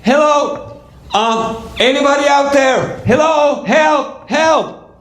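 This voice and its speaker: A man voicing a desperate family stuck in a hole, shouting for help in a high, frantic voice. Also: takes it slowly, exaggerated voice. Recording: echoey hall, faint noise.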